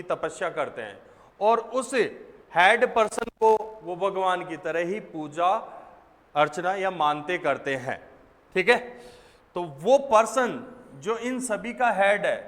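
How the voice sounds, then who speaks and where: A man teaches word meanings for exams in a fairly high voice. He repeats key words and asks questions, then answers them himself. His voice carries a long reverb, as if in a hall. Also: fairly bright tone. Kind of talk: exam vocabulary lesson.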